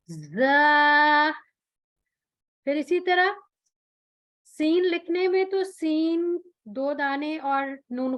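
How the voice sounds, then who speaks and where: Female recitation teacher, high and slow, patient explainer who lingers on each letter sound. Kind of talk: tajweed pronunciation lesson.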